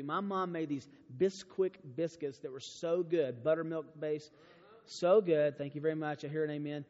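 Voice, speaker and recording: A man preaching a sermon at a youth camp, animated and storytelling, moving from hushed to emphatic. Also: fairly high pitch. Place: large church auditorium. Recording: dull sound with long hall reverb.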